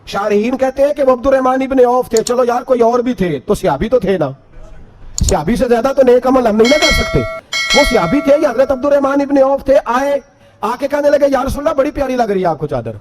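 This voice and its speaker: A man delivering an emotional sermon, his voice sitting high for a male speaker. He swings from soft storytelling to fervent peaks. Now and then he slides into melodic sung couplets. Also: a little hiss or hum. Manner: impassioned, rising and falling delivery that breaks into sung verse. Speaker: preacher.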